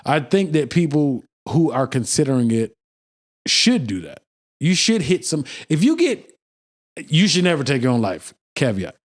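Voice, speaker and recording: A man's voice: fairly high pitch, big pitch swings, normal speed. A man co-hosting a podcast in casual chat, blunt, joking and often profane. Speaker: podcast co-host.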